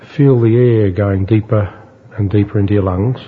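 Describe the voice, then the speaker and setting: A man guiding a relaxation exercise in a slow, hypnotist-like manner, with long pauses between instructions. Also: on the low side, steady tone. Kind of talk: guided relaxation narration. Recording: dull lo-fi audio with faint noise.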